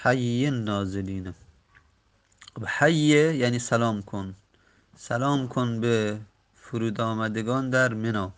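A man's voice: medium pitch, a bit bright, smooth. A man teaching Arabic grammar in a lesson. He recites the rule text, then explains it step by step and drags out each example word.

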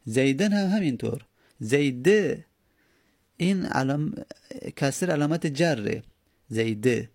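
A man's voice: on the high side, darkish tone. A man teaching Arabic grammar, explaining patiently step by step and repeating his examples. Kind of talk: explaining lesson.

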